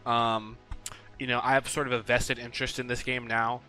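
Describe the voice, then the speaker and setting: Over soft background music, a man with a mid-range, bright, pushed voice and little pitch movement goes through his weekly game picks at normal speed. He hosts a sports picks video, and his casual solo commentary rambles, full of ums with some swearing.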